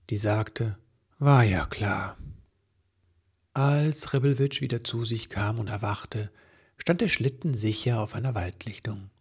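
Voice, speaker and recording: A man reading a children's story aloud, lively and doing voices for the characters. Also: medium pitch, breathy edge. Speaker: narrator.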